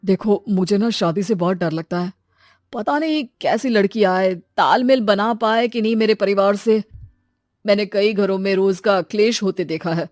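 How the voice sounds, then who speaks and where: A woman voicing an earnest, reasonable young man in an animated family story. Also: mid-range voice, moderate pace, no room sound, studio quality, lightly acted. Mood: worried.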